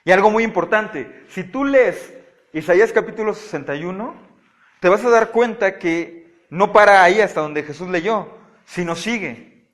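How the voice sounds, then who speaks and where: A man teaching a Bible study, animated and often checking with his listeners. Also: high voice, moderate pace. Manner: animated, asks the audience frequent checking questions. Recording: audio-only recording of a live talk.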